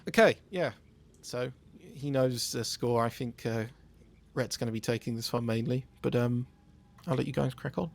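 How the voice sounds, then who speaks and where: A man's voice: medium pitch, moderate pace, vocal fry. A man giving casual, rambling instructions to players before a role-play scenario. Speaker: event organizer. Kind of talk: briefing players out of character.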